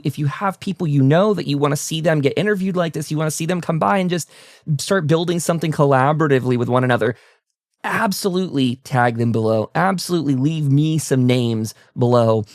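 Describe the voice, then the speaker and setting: A man hosts a casual fan talk show, speaking effusively and appreciatively to his guests and listeners during an interview and sign-off. His voice is mid-range, and the recording is dry and studio quality.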